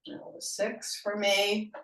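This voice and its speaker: A woman guides a senior yoga class at an unhurried, very slow pace, calm and gentle in her cues. Her voice sounds roomy and echoey. She is some distance from the mic. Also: medium pitch. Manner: slow, gentle cueing with playful laughter exercises. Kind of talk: guided exercise class instruction.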